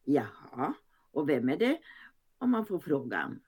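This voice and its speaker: A woman voicing a sour, demanding older woman who speaks tartly and breaks into a shrill falsetto. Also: sing-song, a little mellow, slightly rough, full character voice. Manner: tart, demanding, shrill falsetto when upset.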